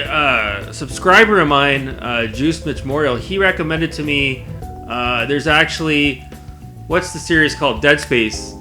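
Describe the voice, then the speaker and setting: Guy doing a casual rambly vlog chat, bright punchy voice, bit of music in it. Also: medium pitch. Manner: conversational, rambling. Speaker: video blogger. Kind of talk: casual spoken vlog to camera.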